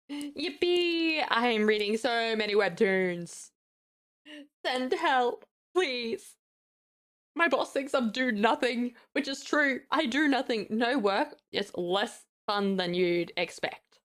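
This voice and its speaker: A woman's voice: mid-range voice, normal speed, hardly any pauses, a bit bright. A woman live streamer in casual chat while gaming, talking in a playful, chatty and self-teasing way.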